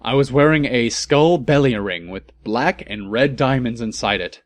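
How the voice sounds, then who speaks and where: A man's voice: mid-range voice, normal speed, lightly acted. A man voicing an angsty, self-absorbed teenage goth girl in a reading of amateur fan fiction. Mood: self-absorbed, brooding.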